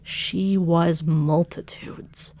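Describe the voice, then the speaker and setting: Woman, author-narrator, scripted story reading, measured, gravelly low voice, dry close sound. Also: steady tone, a little mellow, no room sound. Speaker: author and narrator of a fiction podcast.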